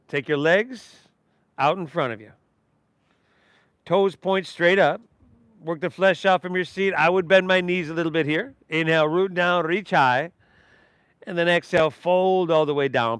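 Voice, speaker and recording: A man's voice: on the high side, a bit bright, smooth, no echo, studio quality. A man teaching a guided yoga class, giving breath and movement cues in an encouraging, easygoing, informal way. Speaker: yoga instructor.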